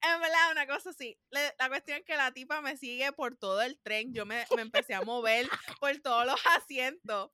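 A woman, co-hosting a podcast and telling a story in casual chat, animated and laughing often. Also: high-pitched, moderate pace, hardly any pauses, clean tone, dry recording, studio quality. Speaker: podcast co-host.

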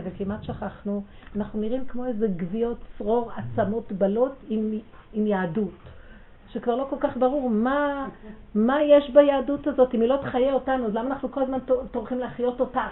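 A woman giving a religious lesson to women, fervent and emphatic, swinging from hushed pleading to loud urging. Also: medium pitch, slight background noise. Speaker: religious teacher. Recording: tinny phone-like sound.

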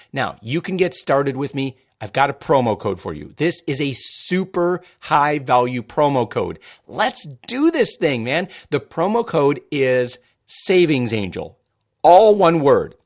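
Male podcast host, chatty and upbeat, rambling, mid pitch. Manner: upbeat, rambling, many fillers. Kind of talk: casual podcast chat with promos.

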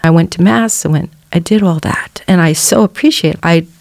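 A woman's voice: lowish voice, moderate pace, vocal fry, a little mellow, no room sound. A middle-aged woman giving an earnest personal testimony as a guest on a church podcast, acting out the voices she quotes.

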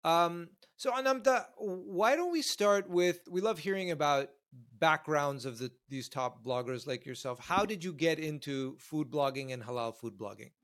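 Male podcast host, friendly, halting questions, slightly high pitch. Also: lively intonation, fairly bright tone. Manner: friendly, hesitant restarts. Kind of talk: interviewing a guest.

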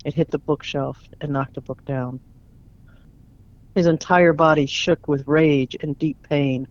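A man with a voice a little higher than most men's reads his short story aloud in an earnest, reflective way. The recording sounds dull and lo-fi. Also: steady tone, measured pace, no room sound. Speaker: guest author. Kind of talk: spoken word story reading.

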